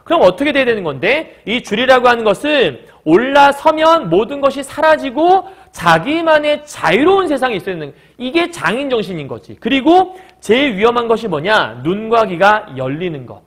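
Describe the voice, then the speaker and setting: High, lively male literature teacher. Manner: explains by asking the class quick questions and answering them; breaks into short acted quotes of characters. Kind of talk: recorded classroom lecture.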